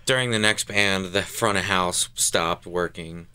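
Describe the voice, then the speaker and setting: A man's voice: sits low, unhurried, bright, forceful tone. A young man, a band member guest on a radio interview, talking casually and rambling with lots of filler words.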